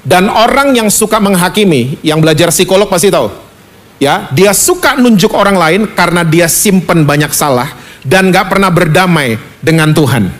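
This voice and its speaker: A male pastor preaching a lively, conversational sermon at a church service, often asking the congregation questions. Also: high-pitched, moderate pace.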